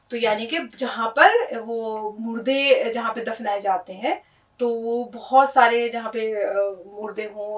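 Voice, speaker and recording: High-voiced woman teaching, a little off-mic. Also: a bit bright, far from the mic, low-quality recording. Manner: patient, explains each word and often asks "isn't it?". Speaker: Urdu teacher. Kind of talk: teaching Urdu pronunciation on a board.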